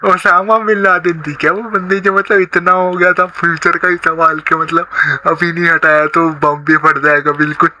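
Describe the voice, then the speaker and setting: A man's voice: fairly high pitch, little pitch movement, moderate pace, background noise. A man hosting a reaction video, firing off sarcastic, mocking remarks. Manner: mocking, sarcastic asides mixed with laughter.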